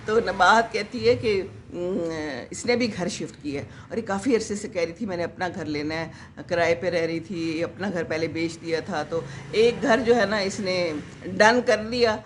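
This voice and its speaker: A woman's voice: lowish voice, hardly any pauses, slight background noise. A woman in her sixties, a vlogger who chats casually and rambles to her live viewers, with many fillers.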